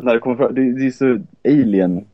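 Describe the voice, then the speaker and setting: A man's voice: medium pitch, no echo, dull audio. A man co-hosting a casual podcast who talks hesitantly, repeating words as he searches for them. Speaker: podcast co-host. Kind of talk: casual chat about film trailers.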